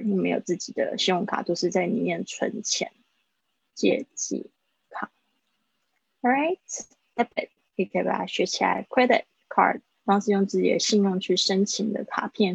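A woman teaching a live online English lesson, pausing to repeat words for pronunciation. Her voice is gravelly and husky. The sound is dull and dry, like a home stream. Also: mid-range voice, no room sound. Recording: dull, dry livestream audio.

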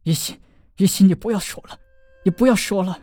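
The narrator voicing a grief-stricken young man who sobs and shouts desperate pleas. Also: mid-range voice, fairly quick, close to an everyday voice. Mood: anguished. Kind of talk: audiobook drama reading.

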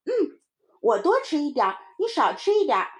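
A woman voicing a cheeky little boy in a storybook, with a high chirpy child voice and a boastful manner. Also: big pitch swings, normal speed. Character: cheeky little boy proud of his drawing.

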